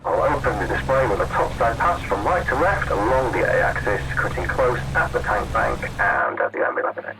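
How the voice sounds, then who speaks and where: A man with a lowish voice narrates as a display pilot. His commentary is measured and matter-of-fact, with clear aircraft engine noise behind it. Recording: steady loud aircraft noise.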